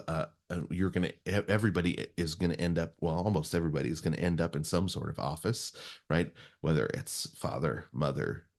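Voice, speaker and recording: A man preaching a sermon in a halting way, with many fillers and restarts, often adding "right?". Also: sits low.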